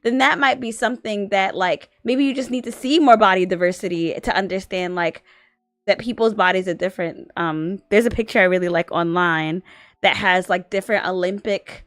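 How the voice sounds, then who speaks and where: A woman's voice: mid-range voice, moderate pace, fairly bright tone, dry recording. Chatty woman with many filler words. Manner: rambling, heavy on filler words. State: sleepy, yawning. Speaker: guest on husband's art stream. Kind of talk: casual chat.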